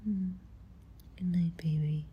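A young woman speaking softly and hesitantly into a close mic, often whispering, in an ASMR girlfriend roleplay. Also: lowish voice, steady tone, slow pace, husky, highs cut off.

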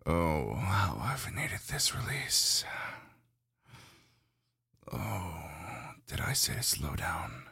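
A man's voice: deep voice, very animated, drawn-out words, vocal fry, long pauses, bright, forceful tone, breathy edge, dry recording, studio quality, exaggerated voice. A man voicing a domineering, lustful male dragon in an adult audio roleplay, speaking in a commanding, gloating manner.

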